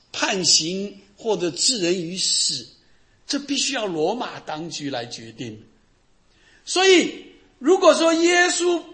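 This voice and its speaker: A middle-aged man preaching a sermon with a high, bright voice. His pitch swings widely as he tells Bible stories with animation, acting out the people in them. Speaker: pastor.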